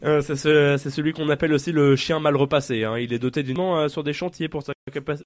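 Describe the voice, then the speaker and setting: A man hosting a radio show, casually reading out a list with deadpan absurd jokes and lots of hesitant fillers. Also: fairly high pitch, fast talker, no echo.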